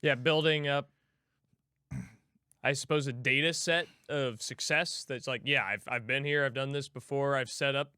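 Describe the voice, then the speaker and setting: A man's voice: mid-range voice, fairly even intonation, moderate pace, bright, forceful tone, smooth, no echo, clean studio sound. A man co-hosting a podcast, chatting casually in a thoughtful, agreeable way. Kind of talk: casual chat.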